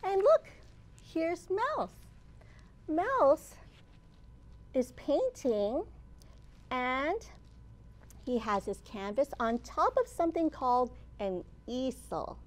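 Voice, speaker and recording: In a library children's area, a librarian in her thirties leads storytime, offering simple, encouraging words to kids. Her high voice is sing-song and slow, with long pauses.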